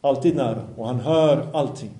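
This religious teacher reads out Arabic passages, then translates and explains them while quizzing his listeners during an Islamic lesson. He speaks at a medium pitch with a warm tone, and the room echoes.

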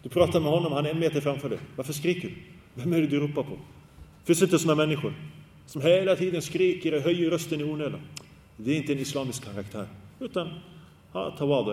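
A man's voice: a little high, dark tone, recorded from a distance. A man giving an earnest Islamic sermon, exhorting his listeners with rhetorical questions and mixing Arabic religious phrases into his talk. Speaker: preacher. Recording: echoey hall reverb.

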